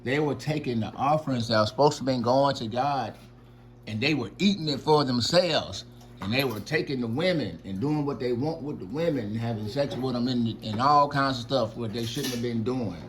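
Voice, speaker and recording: A man casually retelling a Bible story to his children, lively and slangy, acting out the dialogue. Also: mid-range voice, moderate pace, a little hiss or hum. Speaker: father telling a Bible story.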